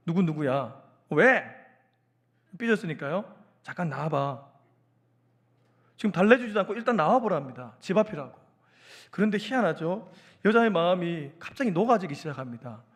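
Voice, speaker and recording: Animated, high-voiced male preacher. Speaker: pastor. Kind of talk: sermon.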